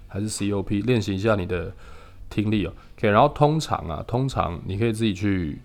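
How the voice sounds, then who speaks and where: A man teaching English pronunciation on a podcast, patiently drilling sounds slowly and repeating them. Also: lowish voice, creaky.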